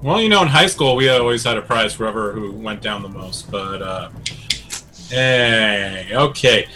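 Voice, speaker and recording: A man running a tabletop game as game master, calling turns and narrating outcomes in a relaxed, brisk way. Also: fairly low pitch.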